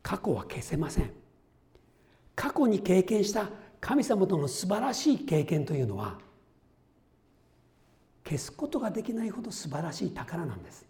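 A man preaching a sermon as pastor, earnest, rising to loud exclamations and dropping to soft whispered asides. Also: high-pitched, very animated, moderate pace, pauses often. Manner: quotes voices and his own notes conversationally.

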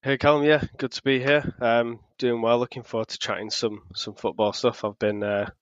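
A man from talks casually as a podcast guest, his pitch level and even. He is relaxed and chatty and drops in plenty of fillers. The audio is dry and a little dull, like a remote call. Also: normal speed, dry recording. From Accrington, England. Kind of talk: casual interview chat.

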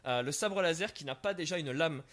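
A young male stream host chats casually on a live stream through a studio microphone, the recording dry. His voice is on the high side, brisk and a bit bright. He sounds hesitant, with lots of fillers and restarts.

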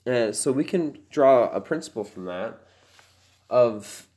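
A man hosting a scripture-study podcast, talking it through casually, halting and thinking aloud with many fillers in an earnest, reflective way. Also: mid-range voice, expressive, dark tone. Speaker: podcast host teaching scripture.

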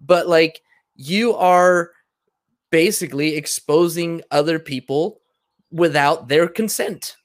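A man's voice: fairly high pitch, slow pace. A man in a casual debate, talking earnestly and persuasively with many fillers. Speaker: conversation partner.

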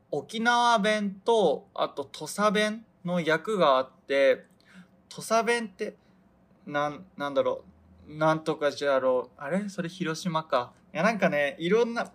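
Young man from Hokkaido, casual solo podcast host, slightly high voice, meandering self-mocking chatter. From Hokkaido, Japan. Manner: rambling, chatty, loses his thread and laughs at himself. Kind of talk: casual solo radio chat.

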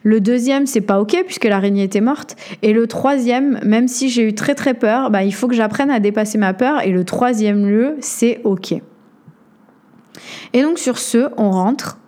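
A woman hosting a podcast, telling a personal story in an animated way, full of hesitations and fillers. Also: a little high, a little slow. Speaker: podcast host.

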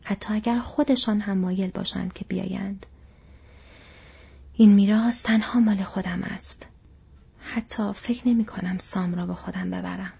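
A woman voicing a thoughtful, burdened young male hobbit who speaks softly and troubled, on a dull lo-fi recording. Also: mid-range voice, fairly even intonation, vocal fry, breathy edge. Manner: soft, troubled.

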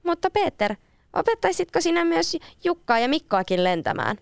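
A woman's voice: extremely high pitch, very animated, creaky, no echo, studio quality, voice pushed up, full character voice. A woman voicing a curious, polite young girl in a read-aloud storybook, eager and full of wonder. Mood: delighted. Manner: wide-eyed, eager, breathless with wonder.

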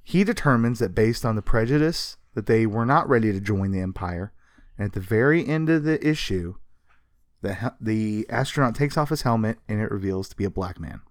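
On the low side and animated, a man talks a little fast as he co-hosts a podcast about comics history, keeping it casual and emphatic, with sarcasm and some swearing. Studio-quality audio, no room sound.

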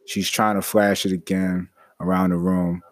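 A man with a very low voice tells a creepy story off the cuff, circling back on himself with lots of fillers and half-started sentences. The sound is dry and close, with no room around it. He talks like a host chatting to his listeners. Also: flat delivery, moderate pace, dry recording. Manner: rambling, filler-heavy, frequent restarts. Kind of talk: casual spoken storytelling.

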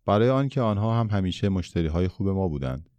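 A blunt, proud factory foreman from a storybook, calling out over the din, as a man puts him on in a reading. The voice is low and dark, with a smooth, resonant tone. It sounds dry and close. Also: lively intonation, no echo, highs cut off. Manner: shouting over noise, blunt.

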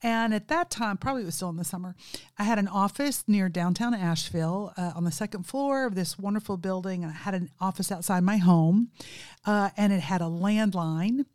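A woman's voice: medium pitch, brisk, a little mellow, dry recording, studio quality. A middle-aged woman hosting a podcast, telling a story in a casual, unscripted way. She laughs often and talks straight to her listeners. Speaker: podcast host.

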